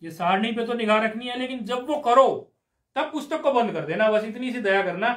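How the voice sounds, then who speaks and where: A man's voice: extremely high pitch, expressive, brisk, a bit bright. A man teaching Sanskrit grammar in a live class, explaining patiently step by step and asking his students questions. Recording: roomy echoey room.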